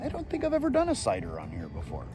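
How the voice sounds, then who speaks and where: Fast-talking and low-voiced, a man vlogs about fishing from a lake boat and tries out drinks along the way. Even though the setting is very noisy, his tasting remarks come across as laid-back, casual outdoor chat.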